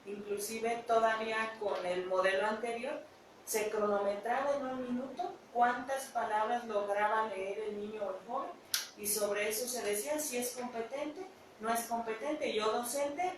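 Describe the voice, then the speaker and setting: A woman hosting an educational radio talk, explaining in a measured way. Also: on the high side. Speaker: radio host. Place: radio studio. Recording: echoey room, distant mic, noisy.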